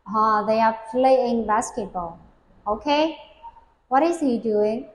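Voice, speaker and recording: A woman with a fairly high voice takes her time, and there's a little hiss or hum plus echo from the room. She's administering an English speaking test to a young child, patiently asking basic questions and modeling full sentences to repeat.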